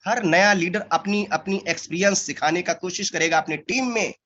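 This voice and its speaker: A man with a high voice and a bright, forceful tone delivers an emphatic motivational training talk to his sales team. He hammers single words over and over and throws out rhetorical questions. The recording sounds dull and lo-fi. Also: moderate pace. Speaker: network marketing team trainer.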